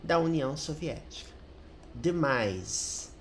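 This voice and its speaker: A woman's voice: low-pitched, animated, slow, slight background noise. A middle-aged woman with a Brazilian Portuguese accent teaching English through a commented reading, explaining each point and often ending with a tag question.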